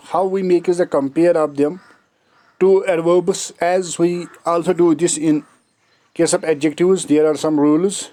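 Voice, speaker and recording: High-voiced teacher, slow dictation. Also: male voice, warm tone. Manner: slow dictation-like reading of English rules, then fast explanation in Hindi; explains with examples. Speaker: English grammar teacher. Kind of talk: recorded lecture.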